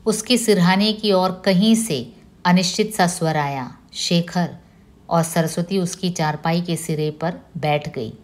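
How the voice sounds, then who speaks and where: A woman lecturer reading a novel aloud for a literature class in a measured, deliberate way. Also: on the low side.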